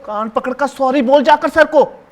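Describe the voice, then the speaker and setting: A man playing a cheeky high-voiced schoolboy. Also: normal speed. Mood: bossy, tattling. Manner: bossy, chatty, keeps hushing and ordering classmates; fawning toward the teacher, repeats "sir" constantly. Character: cheeky seventh-grade schoolboy, talkative tattletale. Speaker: stage actor in a one-man play. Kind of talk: live solo stage acting, addressing the audience.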